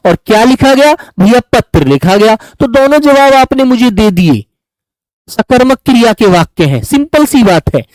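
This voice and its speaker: A man's voice: very high-pitched, sing-song, normal speed, darkish tone, no room sound, rough recording. A man teaching grammar to a class, patiently repeating examples and calling on students by name. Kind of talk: classroom lesson.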